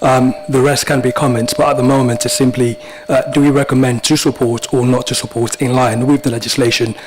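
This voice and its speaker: A man, probably a council officer, gives measured procedural advice at a meeting, with frequent hesitations. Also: medium pitch, level tone, low-quality recording. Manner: measured, many filler "uh"s.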